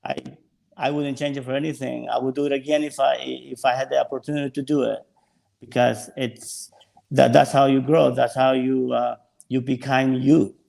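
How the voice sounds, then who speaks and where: Male sommelier guest, gravelly mid-pitched voice, relaxed and unhurried, often feeling for the next word. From El Salvador. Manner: relaxed, searching for words. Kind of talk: casual interview chat.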